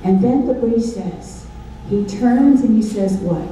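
A woman's voice: medium pitch, unhurried, dark tone, a little hiss or hum. An older woman teaching a Bible study sermon from a lectern with a handheld mic, asking the audience questions and preaching emphatically. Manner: call-and-response questions, emphatic. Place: large dark stage at a lectern. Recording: echoey hall, from far off, faint ambience.

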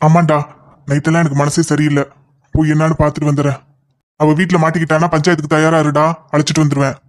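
A man voicing an impatient young lover in a cartoon, talking fast and insistently. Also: fairly high pitch, little pitch movement, natural voice. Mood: eager. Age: young adult. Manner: rapid, insistent scolding. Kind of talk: cartoon voice acting.

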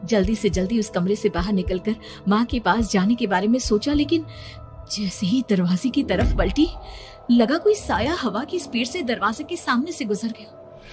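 Woman, high voice, dramatic first-person horror narration, suspenseful, music behind. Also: normal speed. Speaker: storyteller. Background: background music.

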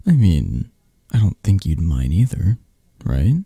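Heavily acted, this low, dark voice belongs to a man portraying a possessive yet tender mafia boss in an ASMR romance roleplay, with big pitch swings. His murmuring is intimate and teasing, slow and halting, husky, and recorded close and dry. The mood is teasing and soothing.

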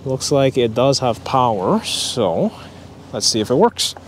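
Guy talking through his ev trip from the car and a parking lot, mid pitch, um-heavy, noisy outdoor sound. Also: very animated, measured pace. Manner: informal with frequent ums and uhs. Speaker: EV road trip vlogger. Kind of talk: casual explanatory vlog narration. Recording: noisy outdoor vehicle ambience.

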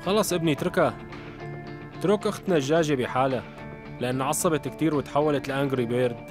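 A man's voice: on the high side, quick pace, music in the background, close to an everyday voice. A man dubbing a sarcastic teenage schoolboy in a TV drama. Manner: sarcastic, needling. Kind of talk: dubbed TV drama.

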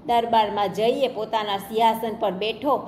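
A woman's voice: a little high, steady tone, moderate pace, darkish tone, faint music behind. A woman narrating a folk tale in storybook style, speaking the characters' lines in quotes herself. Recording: echoey room with faint background noise.

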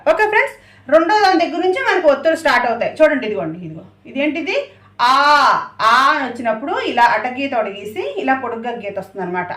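A woman's voice: sits high, a bit bright, roomy sound. A woman teaching a language lesson, explaining patiently and repeating herself as she writes. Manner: patient, repetitive explaining while writing. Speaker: Hindi teacher.

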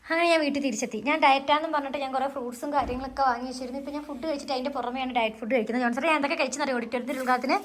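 Young woman vlogger, brisk and chatty, slightly high voice, noisy outdoor phone sound. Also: steady tone. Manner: chatty, fast, teasing. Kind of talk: casual vlog narration. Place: outdoors and at home.

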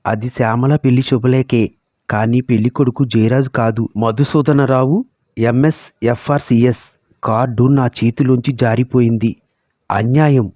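Mellow-voiced man reading a story. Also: mid-range voice, steady tone, normal speed, no room sound, studio quality. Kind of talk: story narration. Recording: dull lo-fi recording.

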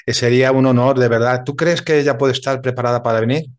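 Man, radio host, earnest, stumbling over words, middle pitch. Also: steady tone. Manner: halting, earnest, repeats words. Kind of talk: radio interview. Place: radio studio.

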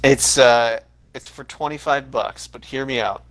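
A man's voice: medium pitch, a little slow, a bit bright. A man joining a game stream as a co-host, chatting casually and teasing and goading his friend. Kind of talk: casual gaming stream chat.

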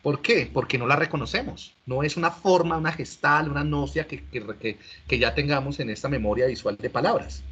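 A man's voice: fairly high pitch, fairly quick, few pauses, a bit bright, a little hiss or hum. A man teaching an online class, explaining step by step and questioning his students. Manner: explanatory, asks students questions, frequent restarts. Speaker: lecturer. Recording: dull lo-fi audio.

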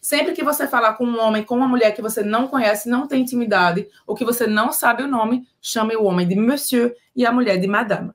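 A woman with a Brazilian Portuguese accent leads a relaxed lesson in a fairly high voice. She explains each point clearly and drags words out when she shows how they sound. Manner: explanatory, slows down to model pronunciation. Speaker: language teacher. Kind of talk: casual video lesson.

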